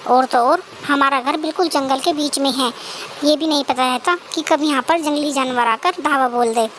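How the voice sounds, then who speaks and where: A woman's voice: high voice, moderate pace, fairly bright tone, slight background noise. A woman voicing a poor young pregnant wife in a cartoon story, worried and pleading with her husband. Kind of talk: cartoon voice acting.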